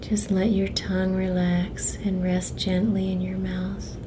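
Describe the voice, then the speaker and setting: Soft whispery lady doing a guided relaxation, super slow and even, noticeable noise behind her. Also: medium pitch. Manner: soft, breathy, near-whispered soothing delivery; slow, long pauses between phrases. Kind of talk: guided relaxation meditation narration. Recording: clearly noisy, ambient sound behind.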